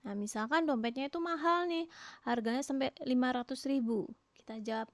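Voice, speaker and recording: A woman teaching a language lesson, explaining patiently and modelling each phrase slowly, with questions rising at the end. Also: high voice, dry recording. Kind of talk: recorded online lesson.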